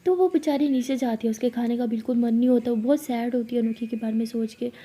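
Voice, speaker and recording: A woman's voice: a little high, fairly even intonation, quick pace, mellow, slightly rough. A woman narrating a love story in a chatty, casual way, with conversational asides.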